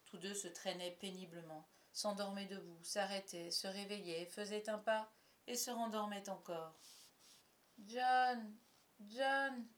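A woman narrating a storybook aloud, with soft, confiding asides to the listener. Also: medium pitch, fairly even intonation, normal speed. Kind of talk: storybook reading.

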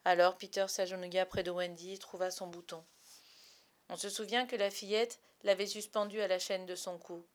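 A woman narrating a children's story with an expressive, measured reading. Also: mid-range voice. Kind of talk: audiobook storytelling.

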